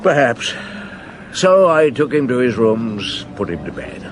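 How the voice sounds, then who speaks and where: A seasoned chief inspector in a radio drama. His mid-pitched voice moves widely up and down, yet he stays terse, dry and authoritative, with a fatherly streak. Faint noise sits behind him. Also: sing-song, measured pace. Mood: wry, reminiscing. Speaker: lead detective in a radio drama. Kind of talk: naturalistic radio drama acting.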